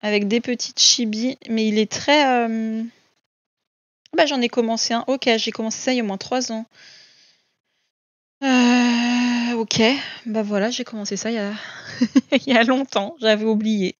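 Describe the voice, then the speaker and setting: With a fairly high pitch, a steady tone and a measured pace, a woman gushes over coloring books in a casual chat, often saying "euh" and repeating words. No echo; the sound is dull and dry.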